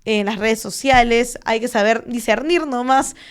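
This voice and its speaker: A young woman, a stock trader and finance content creator, explaining things in a measured way with frequent fillers and tag questions during an interview. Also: on the high side, clear, resonant tone. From Peru. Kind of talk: conversational interview.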